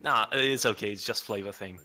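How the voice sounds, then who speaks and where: A man with a low, bright voice plays a tabletop game. His delivery is lively and casual, moving between narration and table talk, with faint music behind. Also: a little fast.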